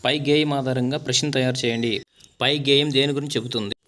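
Man, teacher, reading school exercises aloud, steady measured delivery, mid-pitched. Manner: reads out questions and answers in a steady, measured listing way.

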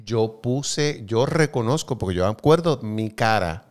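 A man hosting a casual chat, joking playfully and telling stories at a measured pace. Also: on the low side, animated. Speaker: host.

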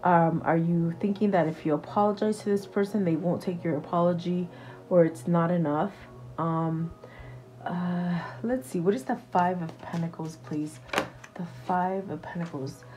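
A woman giving a casual tarot reading to her viewers, halting often with fillers and restarts and speaking reassuringly. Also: lowish voice, steady tone, warm tone. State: hiccups. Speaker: tarot reader.

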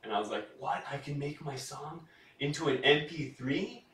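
Bright-voiced man telling stories in a roomy space. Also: fairly high pitch, moderate pace. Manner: laughs often, animated storytelling. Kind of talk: casual chat. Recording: roomy sound from a distance.

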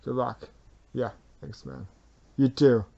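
A man's voice: medium pitch, steady tone, slow pace, gravelly, mellow, lo-fi sound. A man improvising a plush-toy drama in a bedroom, talking in a rambling, swearing way with many restarts into a nearby phone camera. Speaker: puppeteer voicing plush toys. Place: bedroom full of plush toys.

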